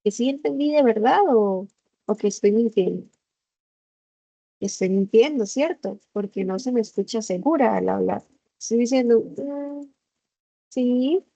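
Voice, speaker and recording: A woman's voice: on the high side, moderate pace, vocal fry, mellow, no room sound. A woman teacher giving a patient online class from her computer, acting out short examples. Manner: patient explaining, acts out examples. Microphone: computer microphone. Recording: muffled video-call audio.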